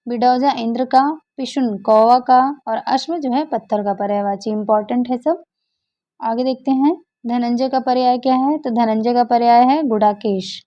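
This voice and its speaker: A woman's voice: fairly high pitch, fairly even intonation, moderate pace. A woman teacher walking through exam questions, asking and then answering her own questions. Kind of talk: exam-prep lesson explaining answers. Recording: dull lo-fi recording.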